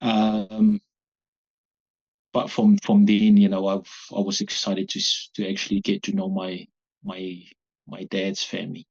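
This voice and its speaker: A man talks haltingly, often restarting as he searches for words. His voice sits low and sounds husky. The recording is dull and muffled. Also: darkish tone. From Samoa. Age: 40s. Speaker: guest, abuse survivor. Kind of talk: personal interview.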